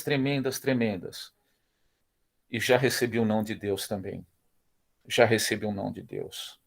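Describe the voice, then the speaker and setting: A middle-aged man with a Brazilian Portuguese accent leads a church Bible class. His voice sits at an ordinary middle pitch. He speaks emphatically, repeats key phrases and acts out the dialogue he quotes. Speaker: Bible school teacher.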